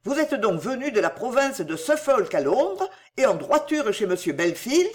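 An agitated young gentleman, jealous and tense, gives clipped orders with a lively rise and fall, as a woman reader voices him. He sounds wounded but holds himself in check, like a character in a read-aloud novel. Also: on the high side, normal speed, voice pushed up.

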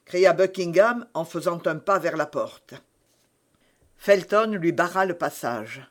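Male audiobook narrator, high voice, unhurried, measured. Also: animated. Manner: measured, deliberate storytelling. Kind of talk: audiobook narration of a classic novel.

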